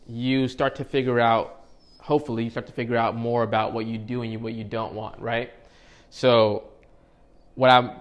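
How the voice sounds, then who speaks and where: A man's voice: medium pitch, highs cut off. A man of thirty-one giving a casual, rambling motivational talk to camera as a vlogger, with many fillers and restarts. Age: 30s.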